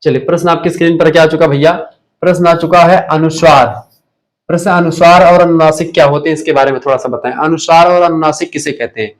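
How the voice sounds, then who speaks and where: Male tutor, slightly high voice, runs a quick drilling revision class online. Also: fairly even intonation. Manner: drilling, asks questions then answers them himself. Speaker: teacher.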